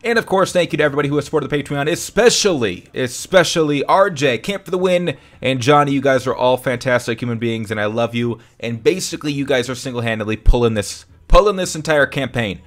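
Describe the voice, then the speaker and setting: A man's voice: medium pitch, quick pace, hardly any pauses. A young man hosting a casual live stream, talking in an upbeat, rambling way that often corrects itself. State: hiccuping.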